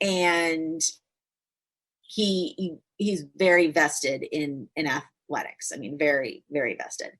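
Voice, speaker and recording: A woman's voice: deep voice, steady tone, slow pace, fairly bright tone. A middle-aged woman hosting a casual podcast, chatting with many fillers and frequent laughs. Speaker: podcast host.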